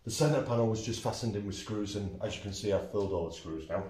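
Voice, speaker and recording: A man's voice: on the low side, fast. A man, chatting casually and explaining each step as he builds furniture in a large workshop. He is self-mocking and talks through his work. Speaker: woodworking channel host. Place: large indoor woodworking workshop. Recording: roomy workshop echo, faint noise.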